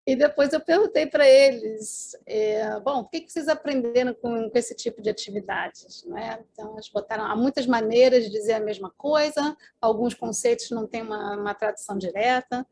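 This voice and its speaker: A woman's voice: a little high, fairly quick, few pauses, darkish tone, slightly rough. Brazilian woman presenting over video call. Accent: Brazilian Portuguese. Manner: explanatory, with many fillers and tag questions. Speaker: conference presenter.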